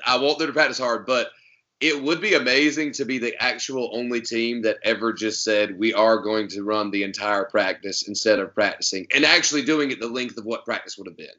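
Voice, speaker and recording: A man's voice: mid-range voice, a little fast. A man, co-hosting a podcast in casual, joking chat. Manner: joking, animated, does mock accents. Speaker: podcast co-host. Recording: dull lo-fi audio.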